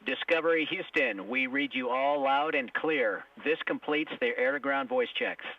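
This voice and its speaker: A man giving measured, formal procedural calls as a mission control communicator in astronaut radio style. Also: mid-range voice, slight background noise. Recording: dull band-limited radio link.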